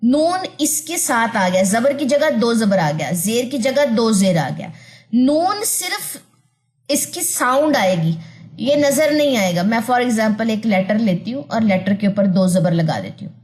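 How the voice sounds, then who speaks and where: A woman teaching an online tajweed lesson in a patient voice. She repeats her points, often checks that students follow, and draws out letter sounds slowly. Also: on the high side, expressive, a little mellow. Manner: slow, careful drawn-out pronunciation of letter sounds.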